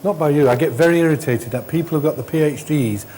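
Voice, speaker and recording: Speaking fast in a somewhat high, warm voice, a middle-aged endoscopy trainer coaches a trainee hands-on in a hospital training room. His instructions are short and blunt, with dismissive asides, and the poor recording has slight background noise.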